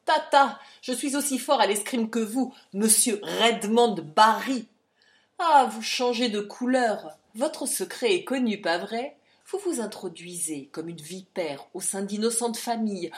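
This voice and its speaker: A woman voicing a blustering middle-aged male captain who shouts accusations. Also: medium pitch, animated, moderate pace, hardly any pauses, natural voice. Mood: furious.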